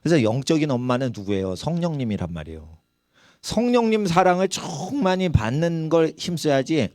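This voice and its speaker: Male pastor, middle-aged, lively sermon delivery, dry close sound. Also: fairly high pitch, a little fast, no room sound. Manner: animated preaching, dramatizing quoted voices and regional dialects.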